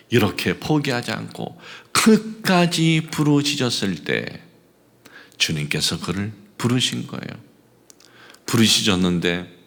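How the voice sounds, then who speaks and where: Animated, bright-voiced preaching pastor. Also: male voice, lowish voice. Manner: emphatic preaching with rhetorical questions to the congregation. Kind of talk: sermon. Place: church sanctuary.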